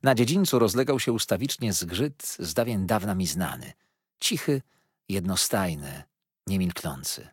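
A man narrating a classic novel in the first person with dramatic swells and pauses. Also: deep voice, expressive, breathy edge, no echo, studio quality. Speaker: audiobook narrator. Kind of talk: expressive literary audiobook narration.

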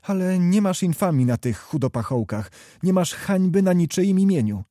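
A man's voice: high voice, lively intonation, moderate pace, mellow, no room sound, studio quality, pitched above the performer's own voice. A man voicing a stern young noblewoman. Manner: reproachful, earnest pleading. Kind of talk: audiobook character reading.

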